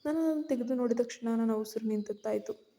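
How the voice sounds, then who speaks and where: A woman's voice: a little high, fairly quick, warm tone. A woman narrating a suspense story in the first person, with tense, fearful storytelling.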